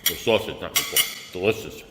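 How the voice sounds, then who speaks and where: A man's voice: low voice, moderate pace. A man from Queens tasting pizza and giving short, approving remarks in a hotel press room. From Queens, New York. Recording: echoey room with audible background noise.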